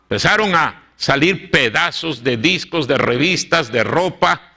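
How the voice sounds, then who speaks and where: A male pastor with a Mexican Spanish accent, preaching a story-driven sermon in a church and acting out the dialogue, moving between loud and hushed. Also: fairly high pitch, lively intonation, measured pace. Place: church sanctuary.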